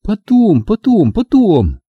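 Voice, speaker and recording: A man voicing a brisk, cool-headed young woman who answers curtly and brushes people off in an audiobook. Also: high-pitched, huge pitch swings, husky, dry recording, narrow, tinny audio, voice pushed up, full character voice. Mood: dismissive. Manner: curt, dismissive.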